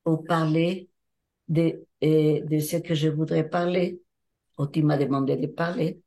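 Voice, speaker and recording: An older Mexican woman, a hypnotherapist and trainer, answers interview questions in French, her second language, with a Mexican Spanish accent. Her low, mellow voice moves little in pitch and runs a little slow as she speaks thoughtfully, searching for words.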